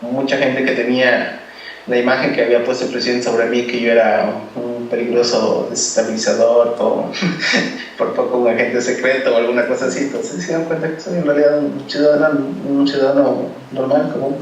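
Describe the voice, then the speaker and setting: A man answers an interview calmly and quietly, with small hesitant fillers. His voice sits at middle pitch and sounds distant, with a strong room echo and faint noise. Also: fairly quick. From Ecuador. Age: 30s. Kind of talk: recorded interview clip.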